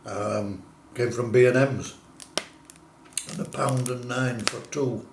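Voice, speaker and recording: A man giving a casual food taste-test review as a vlogger, speaking in unhurried, plain-spoken short phrases of approval. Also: mid-range voice, fairly even intonation. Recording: roomy echo, faint background noise.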